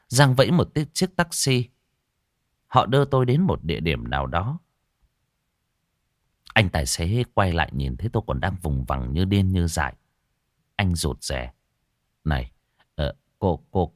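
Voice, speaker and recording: A man narrating a horror story in a dramatic, expressive way. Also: sits low, dry recording, clean studio sound.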